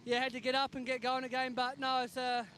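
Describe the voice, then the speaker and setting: A man's voice: very high-pitched, completely flat delivery, quick pace, pushed and bright. A man giving a casual post-race interview as a racer, outdoors at a race track. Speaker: motocross racer being interviewed. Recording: clear trackside engine and ambient noise.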